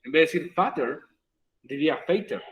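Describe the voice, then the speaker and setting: A man's voice: on the high side, animated, moderate pace, reverberant, highs cut off, slight background noise. A man teaching an English grammar rule in a virtual class, patiently repeating each step for his students. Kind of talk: virtual class explanation in Spanish. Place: room, recorded for an online class.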